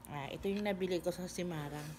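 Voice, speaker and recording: A woman's voice: lowish voice, quick pace. A woman vlogger chatting casually to her viewers about her time as cruise ship crew, rambling with many fillers. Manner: addresses viewers as guys. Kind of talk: casual storytelling vlog. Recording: loud background noise.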